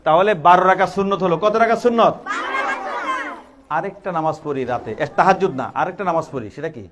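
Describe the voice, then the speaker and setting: A high-pitched man leads young schoolchildren through a call-and-response religious lesson. He quizzes and coaxes, repeating every question so the class can answer. A loud crowd of children fills the classroom around him. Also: quick pace. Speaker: religious teacher visiting a school. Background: children answering in chorus.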